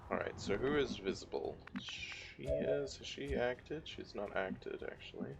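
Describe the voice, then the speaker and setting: A man's voice: mid-range voice, a little slow, creaky. A man giving casual gameplay commentary, muttering and thinking aloud as he plays. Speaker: video game streamer.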